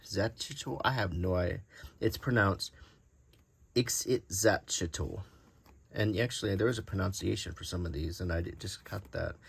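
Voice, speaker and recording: Gravelly and husky, his voice sits low as he talks at a moderate pace with no echo in the room. He's a middle-aged or older man hosting a hobby collecting channel, musing aloud in relaxed, rambling show-and-tell.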